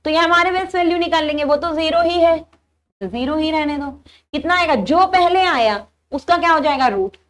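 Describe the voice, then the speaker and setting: Young female lecturer, high-pitched, patient step-by-step explainer who poses and answers her own questions. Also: normal speed. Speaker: teacher. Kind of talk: engineering lecture.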